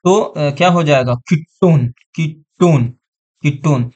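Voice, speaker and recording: A man's voice: a little high, slow, darkish tone, dull audio. A man teaching an exam-prep science class online, repeating terms and often checking that students follow.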